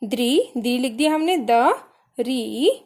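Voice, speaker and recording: A woman's voice: on the high side, expressive, slow, a little mellow. A woman teaching a grammar lesson to children, patiently spelling out syllables one by one and asking questions that she then answers herself.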